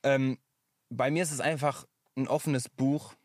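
A man's voice: medium pitch, fairly even intonation, unhurried, no echo, clean studio sound. Reflective man in casual chat. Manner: reflective, searching for words. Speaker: podcast guest.

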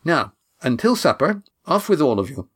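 A man reading a story, voicing a brisk young woman giving quick orders. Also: deep voice, big pitch swings, husky, pitched above the performer's own voice, exaggerated voice. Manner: brisk, commanding.

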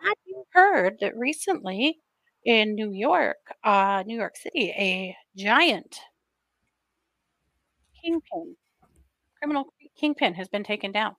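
A woman's voice: mid-range voice, very animated, slow pace, pauses often, fairly bright tone, no room sound. A woman co-hosting a casual podcast chat, talking with many fillers, her remote call audio glitching and cutting out because her mic is too far away. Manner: chatty, hesitant with many fillers. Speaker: co-host.

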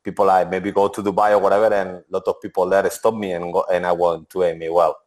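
This interview guest, a former footballer in his forties, sounds low-pitched and a little mellow, with little pitch movement, and talks fast. His answers are relaxed and delivered in non-native English. He frequently restarts and says "to be honest."

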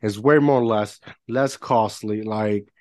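A man's voice: on the low side, slow, darkish tone, dry recording. A man who is a real estate entrepreneur, speaking candidly as a podcast guest with frequent fillers. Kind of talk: casual conversation.

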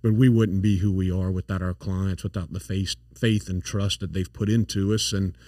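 A man's voice: low-pitched, fairly even intonation, normal speed, warm tone, dry recording. A man in his forties with a south Louisiana accent, a company founder talking casually as an interview guest, earnest and full of fillers and restarts. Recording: dry, a bit far from the mic.

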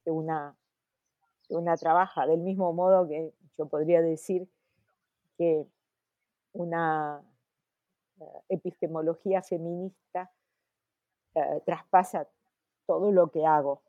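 An older woman with an Argentine accent, an academic guest answering in a podcast interview, thoughtful and full of pauses and restarts. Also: deep voice, steady tone, no echo, phone-quality sound. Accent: Argentine Spanish. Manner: slow, thoughtful, many hesitations and restarts.

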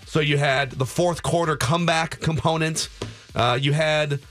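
Gravelly, hoarse American sports talk host. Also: male voice, fairly high pitch, steady tone, measured pace, fairly bright tone, faint music behind. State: strained, hoarse voice. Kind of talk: casual sports chat.

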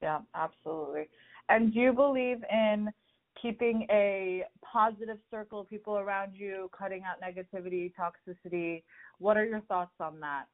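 A woman's voice: mid-range voice, moderate pace. A woman hosting an interview podcast, chatty and full of fillers as she tells stories and asks questions. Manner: chatty, filler-heavy, storytelling. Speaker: podcast host. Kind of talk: casual interview chat. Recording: tinny phone-like sound.

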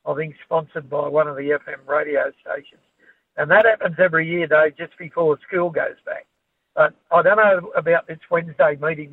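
Casting: Australian male racing tipster, fairly high voice, off-the-cuff form preview, thin phone-line audio. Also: dry recording. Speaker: horse racing form analyst. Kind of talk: unscripted racing preview on radio. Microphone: phone call to radio studio. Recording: tinny, band-limited phone line.

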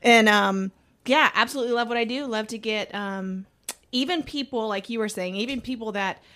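A woman's voice: fairly high pitch, normal speed, a bit bright. A woman in her thirties from Georgia, a bike instructor chatting on a podcast, telling a story with many ums and likes. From Georgia, USA. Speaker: mountain bike instructor, guest. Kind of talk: casual podcast chat.

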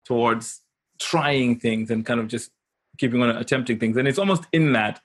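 Speaking at normal speed and medium pitch, a Zimbabwean consultant and coach appears as an interview guest. He shares personal stories emphatically and informally, frequently checking in with whoever he's talking to.

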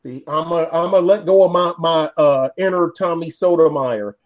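A man chatting casually in a folksy, halting way, often repeating words as he goes. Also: a little high, muffled recording. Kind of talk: casual chat.

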